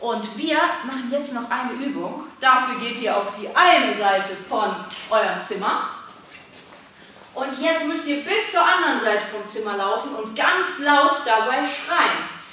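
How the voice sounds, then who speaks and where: High bright woman coaching kids, echoey. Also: expressive, unhurried, distant mic, slight background noise. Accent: German. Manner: encouraging, coaxing young children with loud calls. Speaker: children's movement coach. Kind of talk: leading a kids' online workout. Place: indoor room. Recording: very echoey room, voice off-mic.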